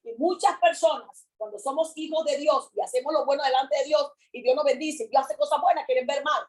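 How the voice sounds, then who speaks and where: Picture a woman preaching with a high voice. She repeats her lines with fervor and swings between loud calls and hushed words. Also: brisk, low-quality recording. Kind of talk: sermon.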